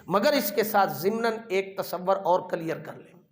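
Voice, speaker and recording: A man preaching a Friday sermon in an emphatic, rhetorical way, repeating his key phrases and asking the listeners questions. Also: high voice.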